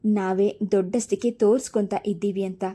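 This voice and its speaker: A woman's voice: mid-range voice, steady tone, a little fast, warm tone, lightly acted. A woman voicing a caring older mother-in-law who soothes and coaxes in a story reading. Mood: coaxing. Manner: soothing, coaxing.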